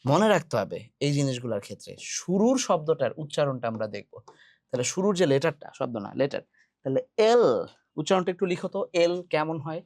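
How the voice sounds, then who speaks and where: A man teaches a grammar lesson, keeping his students involved with question after question. His voice sits a little high. The sound is dry and close, with no room echo. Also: animated, quick pace, a little mellow. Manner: explains step by step, quizzing students with questions. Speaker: English teacher.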